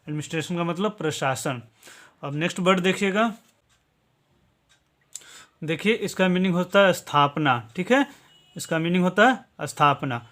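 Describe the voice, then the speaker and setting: A man's voice: high-pitched, moderate pace, long pauses, fairly bright tone. Man teaching step by step, 'okay?'. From Bihar, India. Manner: patient step-by-step explaining, tags many lines with 'okay?'. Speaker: English teacher. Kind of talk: classroom-style lesson.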